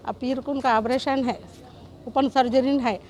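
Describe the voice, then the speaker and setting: A middle-aged woman pleads her account in a fairly high voice and goes over the same points again and again. She speaks urgently in an interview. Faint noise hums behind her. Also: steady tone, normal speed, darkish tone. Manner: urgent, pleading, repeats herself. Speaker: shopkeeper telling of an assault. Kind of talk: emotional news interview testimony.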